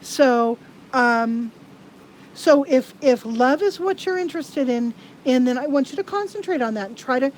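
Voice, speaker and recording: A woman giving live tarot card readings to viewers. She talks in a halting, earnest way with many restarts. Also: high voice, expressive, a little mellow, slight background noise, rough recording.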